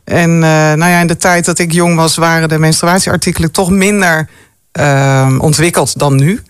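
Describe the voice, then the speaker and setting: A woman's voice: sits low, steady tone, normal speed, clear, resonant tone, no room sound, clean studio sound. A middle-aged woman guest talking casually, hesitant and full of fillers. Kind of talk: casual conversation.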